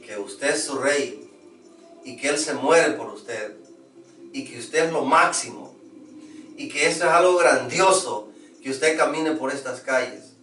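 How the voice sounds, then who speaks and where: A man voicing a servile courtier who reports to the king in a deferential, hushed way. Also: medium pitch, measured pace, long pauses, roomy sound, far from the mic, slight background noise, voice pushed down, rough recording.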